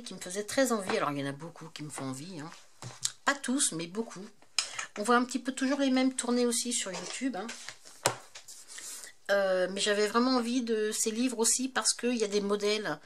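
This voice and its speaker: A woman chatting casually to her viewers about craft supplies. She talks in a loose, hesitant way and often stops on fillers. A faint hiss sits behind her voice. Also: a little high. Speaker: craft vlogger. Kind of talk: casual show-and-tell chat.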